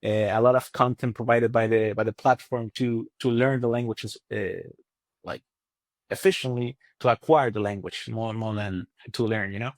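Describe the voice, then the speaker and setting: A man's voice: lowish voice, fairly even intonation, moderate pace, dry recording. A Venezuelan man with a Venezuelan accent and Spanish as his first language, talking conversationally and emphatically as an interview guest, often repeating himself. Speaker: podcast guest, language company chief and teacher.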